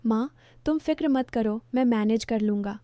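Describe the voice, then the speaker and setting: A defensive, troubled grown son in a spoken story, read by a woman in her own fairly high voice. The lines come evenly read and dark-toned, with a dry, close sound. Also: moderate pace, dry recording, close to an everyday voice.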